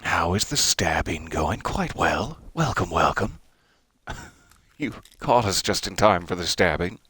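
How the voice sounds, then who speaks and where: A man's voice: low voice, expressive, measured pace, fairly bright tone, no echo. A man streaming a game with wry, playful commentary in a droll, mock-polite way. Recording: clear game ambience noise behind.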